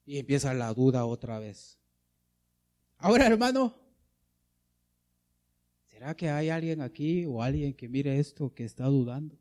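A man's voice: medium pitch, normal speed, warm tone. A man preaching a sermon, reading scripture aloud and addressing listeners as brother.

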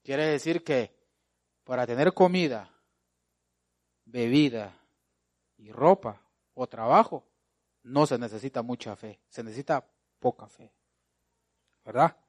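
A man preaching a sermon. He calls out to the congregation with repeated rhetorical questions and swings between loud exhortation and quiet, drawn-out asides. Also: medium pitch.

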